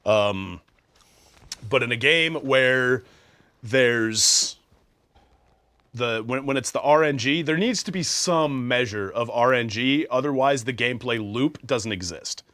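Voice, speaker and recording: Young male co-host, rambling gamer chat, mid pitch, dry sound. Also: takes it slowly, a bit bright, no room sound. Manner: rambling, explaining with many fillers. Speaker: podcast co-host. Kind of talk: casual gaming chat.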